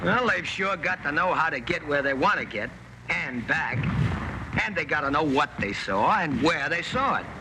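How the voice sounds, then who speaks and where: A man's voice: on the high side, lively intonation, moderate pace, background noise. A man narrating an old newsreel in the folksy, plain-spoken voice of an infantryman.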